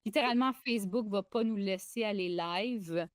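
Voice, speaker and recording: A young woman with a Québécois accent co-hosting a podcast, chatting excitably with lots of fillers and restarts. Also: mid-range voice, moderate pace, no echo, clean studio sound. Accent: Québécois French. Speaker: podcast co-host. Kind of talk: casual podcast chat.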